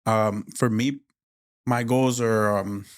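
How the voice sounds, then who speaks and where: A man co-hosting a podcast, talking in a relaxed, candid way and laughing easily. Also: on the low side, slow pace. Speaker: podcast co-host. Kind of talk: casual podcast chat.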